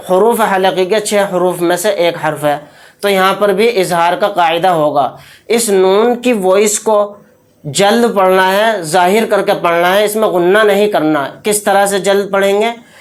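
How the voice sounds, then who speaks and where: A Quran reading teacher giving a tajweed lesson. The teacher explains rules quickly, asks a question and answers it, then spells and recites each word slowly, syllable by syllable. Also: mid-range voice. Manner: brisk explanations alternating with slow, drawn-out syllable-by-syllable spelling.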